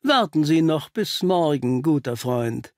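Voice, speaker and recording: Sherlock Holmes, a man doing a higher, cheerful voice. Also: expressive, a little slow. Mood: calm. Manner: teasing, cryptic, self-assured. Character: confident cheerful male detective, dry and cryptic. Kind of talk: audiobook character voice.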